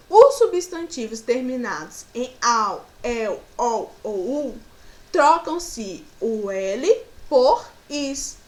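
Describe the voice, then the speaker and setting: Brazilian woman teacher going slow and patient thru grammar examples for kids, kinda high voice. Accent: Brazilian Portuguese. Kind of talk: grammar lesson for children.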